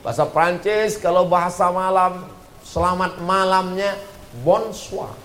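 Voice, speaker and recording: A man giving an animated religious lecture as a preacher, breaking into slow chanted recitations. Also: high-pitched, reverberant, a little hiss or hum. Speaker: Islamic preacher.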